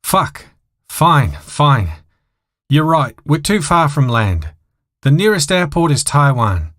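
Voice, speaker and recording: A man voicing a hot-tempered, foul-mouthed, frantic male airline pilot in an audio thriller story, exasperated and shouting. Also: mid-range voice, lively intonation, a little slow, dry recording, studio quality, voice pushed up, close to an everyday voice.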